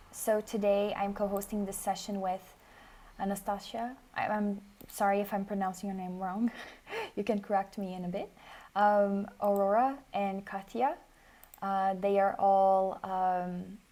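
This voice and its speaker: A woman hosts an online workshop over a video call. Her pitch sits at an ordinary middle height. She keeps things orderly and fills pauses with soft "um"s. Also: fairly even intonation. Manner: organized, with frequent "um" fillers. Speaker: workshop host.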